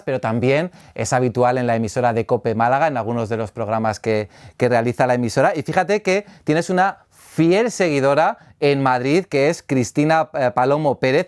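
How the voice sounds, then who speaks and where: Man presenting callers on a radio show. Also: medium pitch. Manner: brisk, friendly introductions of callers. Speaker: radio presenter moderating listener questions.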